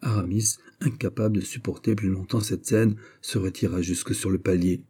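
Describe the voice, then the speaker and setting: A man reading a classic novel aloud in steady, measured narration. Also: sits low, breathy edge. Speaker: audiobook reader. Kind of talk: scripted narration.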